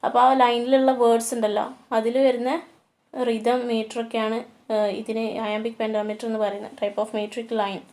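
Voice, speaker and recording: A woman teacher lecturing on a poem, slowing to a deliberate pace on the English lines and pausing on fillers as she explains. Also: a little high, little pitch movement, darkish tone. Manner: switches to slow, deliberate reading for English lines; hesitant, with many fillers. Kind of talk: poetry lecture.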